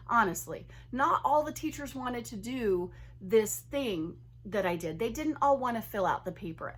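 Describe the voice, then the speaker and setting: A woman in her forties, a third grade teacher, talking earnestly and chattily to camera in a casual vlog, often repeating herself for emphasis. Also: medium pitch.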